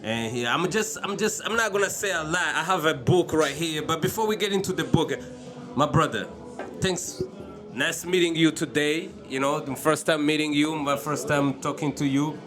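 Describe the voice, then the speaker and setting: Casual podcast host, slightly high voice. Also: male voice, a bit bright, faint music behind. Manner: casual, halting questions. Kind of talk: podcast interview.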